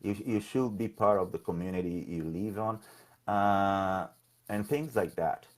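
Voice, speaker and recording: In a conversational interview, a man from Brazil who is running for office talks haltingly, often going back over the same words. His voice sits low.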